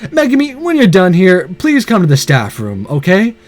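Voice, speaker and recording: A man voicing a smarmy, slow-spoken middle-aged homeroom teacher in a visual novel. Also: high-pitched, huge pitch swings, full character voice.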